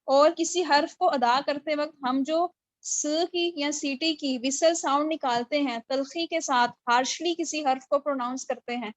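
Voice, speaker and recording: High-voiced woman teaching recitation rules. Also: no room sound, poor audio. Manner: explanatory, mixes English terms into Urdu, checks understanding with questions. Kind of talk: live online lecture. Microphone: video call microphone.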